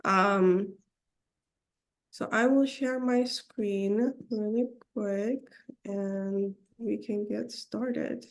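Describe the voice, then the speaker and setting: A Seattle community presenter whose first language is Somali gives an online webinar over a video call while getting over a cold. Her medium-pitched voice is steady and very slow. She's hesitant, with many ums and restarts mid-phrase.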